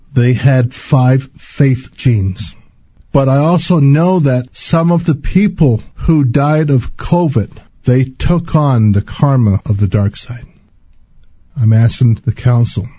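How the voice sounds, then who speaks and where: A man giving an earnest personal spiritual testimony in a slow, halting way. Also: mid-range voice, dark tone, slightly rough, no room sound, lo-fi sound.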